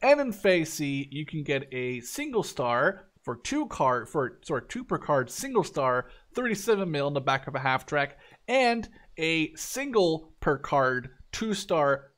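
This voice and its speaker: This twenty-something gaming video creator, Dutch and from either Canada or the Netherlands, talks through a game casually and excitedly, swearing freely. His high, slightly bright voice is very animated and a little slow, with hardly any pauses.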